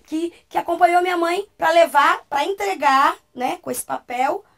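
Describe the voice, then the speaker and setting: Brazilian lady w gravelly fry telling her story on a talk show, gets emotional. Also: very high-pitched, normal speed, fairly bright tone. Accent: Brazilian Portuguese. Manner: emotional, acts out quoted voices. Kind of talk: personal testimony storytelling.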